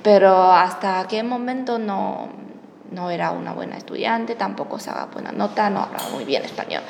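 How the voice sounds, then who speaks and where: This young woman from China, a native Chinese speaker, is being interviewed and recounts a personal story in her second language. She speaks at a moderate pace in a creaky, mid-range voice, hesitating, groping for words and self-correcting. The sound carries the echo of a hall along with faint background noise.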